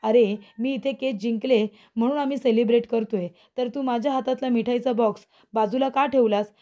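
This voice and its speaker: A proud young woman in a serial drama snaps back and defends herself, as a woman narrator reads her. The voice is fairly high and soft in tone. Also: steady tone, brisk, natural voice. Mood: defiant. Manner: defiant, retorting. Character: defiant young woman, proud and sharp-tongued.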